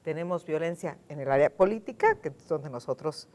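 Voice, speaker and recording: A Mexican woman with a somewhat low voice, talking on a television studio panel. She is emphatic and insistent, repeats her key words, and slows right down to drive each point home. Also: expressive, darkish tone. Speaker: panel guest.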